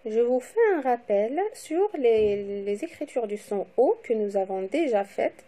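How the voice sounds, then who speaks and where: A woman teacher giving a slow, deliberate phonics lesson to young children, spelling out letters and syllables. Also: on the high side, expressive, dark tone. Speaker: primary school teacher.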